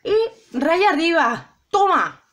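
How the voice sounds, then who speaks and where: A woman's voice: extremely high pitch, sing-song, takes it slowly, a bit bright. A middle-aged woman with a Spanish accent from Spain, chatting to her viewers while doing her makeup, dramatic and talkative. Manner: chatty, self-dramatizing, addresses viewers directly. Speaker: beauty vlogger. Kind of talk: casual makeup tutorial chat.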